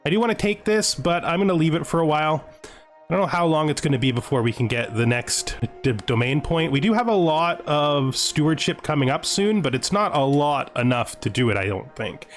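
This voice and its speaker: Over music, a man with a fairly high, expressive voice hosts a gaming video series. Speaking a little fast, he thinks aloud through his let's play commentary and drops in teasing, mock-sinister asides.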